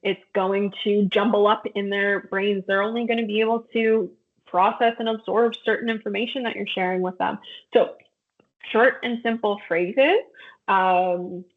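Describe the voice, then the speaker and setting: A woman's voice: medium pitch, fairly even intonation, moderate pace. A woman presenting an online parenting workshop, explaining steps patiently with frequent ums. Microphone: video call. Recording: tinny phone-like audio.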